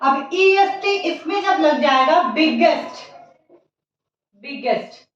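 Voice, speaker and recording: A woman teaching an English grammar lesson, repeating key words slowly and putting questions to her students, mixing Hindi with English terms. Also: high voice, animated, slight background noise. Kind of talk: classroom lesson explaining grammar. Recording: echoey, distant, dull lo-fi sound.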